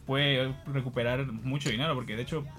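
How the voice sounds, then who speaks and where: A man's voice: medium pitch, fairly even intonation, brisk, fairly bright tone, faint music behind. A man from Guatemala, a guest on the program, telling a personal anecdote in a casual, self-deprecating way, laughing now and then.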